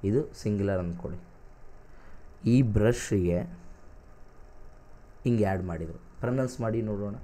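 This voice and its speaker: A man's voice: fairly low pitch, moderate pace, long pauses, mellow. A man with a Kannada accent teaching an exam-prep English class, reading out singular and plural word pairs and checking that his students follow.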